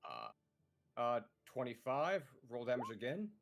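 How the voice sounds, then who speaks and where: Male dungeon master, animated, expressive pitch, casual swearing. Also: slow pace, vocal fry, noisy background. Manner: animated, swears freely, narrates combat. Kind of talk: running a tabletop game, casual.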